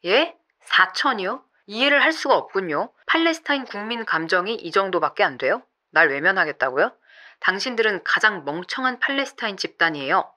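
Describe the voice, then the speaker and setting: A woman storyteller voicing a brash, boastful young male runner who blusters and then pleads, in her own lively voice. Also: sits high, a little fast, heavily acted. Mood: angry.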